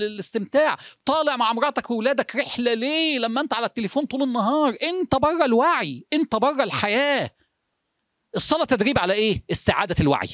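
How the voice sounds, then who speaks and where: A man with an Egyptian accent giving a motivational sermon, firing rhetorical questions at the listener and dropping to hushed, slow phrases for emphasis. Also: very high voice, dry recording, clean studio sound. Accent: Egyptian Arabic. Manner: asks the listener rhetorical questions in quick succession; shifts between urgent speech and hushed, slowed phrases. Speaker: religious speaker.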